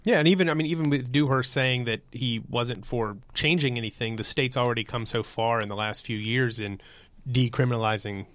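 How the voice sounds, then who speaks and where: A man's voice: mid-range voice, brisk, fairly bright tone, no room sound. Man agreeing on a podcast panel. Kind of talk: casual political podcast chat.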